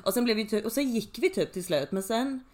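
A young woman co-hosting a podcast in casual chat, emphatic, with quick agreeing interjections and plenty of swearing. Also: on the high side, expressive, darkish tone. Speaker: podcast co-host.

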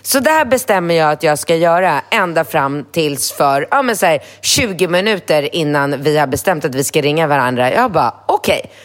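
A woman with a somewhat low voice chatting on a podcast from her apartment. she tells stories animatedly and acts out her own quoted thoughts. her delivery is loose and casual. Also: few pauses. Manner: animated storytelling with lively quoted asides. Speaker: podcast co-host. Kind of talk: casual chat.

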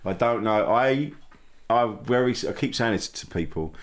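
A man's voice: mid-range voice, animated, moderate pace. A man from Kent with a south-east English accent, hosting a podcast in casual, blokey, sweary banter. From Kent, south-east England. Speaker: podcast host. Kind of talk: casual chat.

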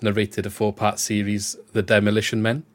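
A man with a Swansea accent speaks in a fairly low voice. He hosts conversationally, guiding a podcast interview. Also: monotone, brisk. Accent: Swansea Welsh. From Swansea, Wales. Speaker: podcast host.

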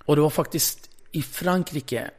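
A man with a gravelly, creaky voice chats casually as an interview guest. He talks bluntly and with energy, swears freely and plays out the back-and-forth of old conversations himself. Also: fairly high pitch, a little mellow. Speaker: interview guest, former radio host.

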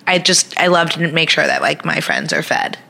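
A woman talks as a guest on a podcast, her voice sitting low but bright and forward. She rambles casually, laughing and stacking fillers as she goes. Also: moderate pace, creaky. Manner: chatty, laughing, many filler words. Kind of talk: casual chat.

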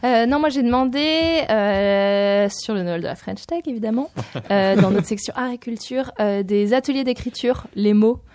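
A woman's voice: a little high, moderate pace, darkish tone. A woman guest in a casual radio chat, talking with many hesitations and fillers. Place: radio studio.

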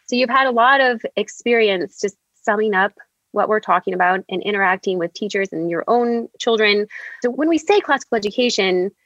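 A woman's voice: mid-range voice, animated, brisk, fairly bright tone, no echo. Woman podcast host, slightly dull dry recording. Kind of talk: conversational podcast introduction.

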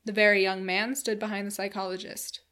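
A woman narrating a classic novel in a measured, steady storytelling voice. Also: medium pitch. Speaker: audiobook reader.

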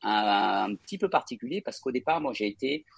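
Very animated and a little fast, this man's medium-pitched voice is gravelly and slightly rough, recorded with no room sound. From Paris, he cofounded a real estate company and tells his career story as an interview guest, fluent yet full of hesitation fillers.

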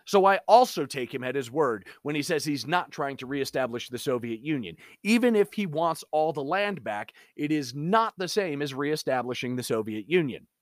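A man's voice: on the high side, animated, normal speed, few pauses, no room sound, studio quality. A man delivering an emphatic, opinionated commentary monologue.

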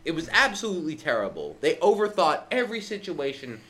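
A man with a bright, sharp voice and a lively, up-and-down pitch gives blunt opinions in casual sports talk. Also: a little fast. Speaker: podcast co-host.

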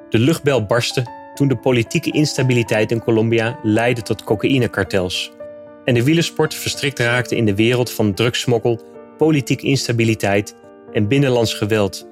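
A man narrating a scripted nonfiction account in a steady, measured reading voice. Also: mid-range voice.

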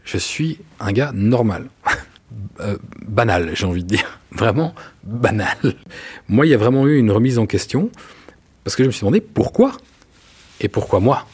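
A man, telling personal stories in an earnest, halting way with many fillers. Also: lowish voice, very animated, a little mellow, breathy edge. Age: 40s. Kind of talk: casual testimony.

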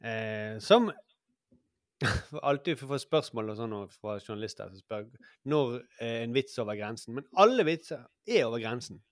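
A man's voice: mid-range voice, expressive, no room sound, studio quality. A man in his forties hosting a podcast, musing and rambling in casual chat. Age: 40s. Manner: musing, rambling, many fillers. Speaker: podcast host.

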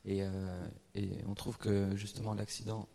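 A man's voice: lowish voice, little pitch movement, unhurried, creaky, mellow. A man explains creative work in an informal panel talk, hesitating as he thinks aloud. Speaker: performance creator.

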